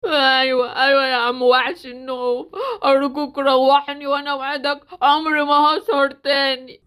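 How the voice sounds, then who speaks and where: Woman doing a drowsy little boy, egyptian accent, high bright flat voice. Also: normal speed. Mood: pleading. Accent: Egyptian Arabic. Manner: pleading, drowsy. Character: sleepy scared little boy.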